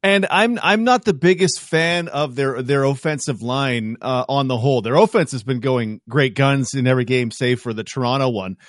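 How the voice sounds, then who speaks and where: Animated man breaking down football. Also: medium pitch, normal speed, hardly any pauses, no echo, clean studio sound. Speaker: football analyst guest. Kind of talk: casual sports talk.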